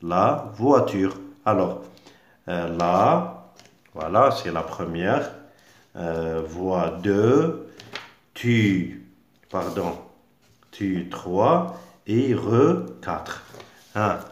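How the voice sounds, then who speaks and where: Slow, lively-pitched man teaching French. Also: reverberant. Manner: patient and repetitive, spells out letters, many fillers. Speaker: primary school French teacher. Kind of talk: exam revision lesson.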